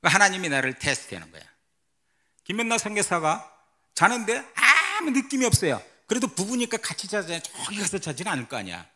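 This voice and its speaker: Animated, bright-voiced Korean missionary man preaching. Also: high voice. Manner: dramatic storytelling, asks the congregation questions. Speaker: missionary pastor. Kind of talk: testimony sermon at a weekday church service. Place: church sanctuary.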